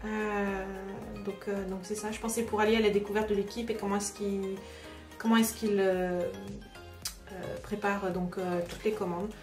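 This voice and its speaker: Chatty yet hesitant and peppered with filler sounds, a woman hosts a casual craft unboxing vlog. Her mid-range voice has a darkish tone and a flat delivery at a moderate pace. The recording is distant and roomy, with music in the background.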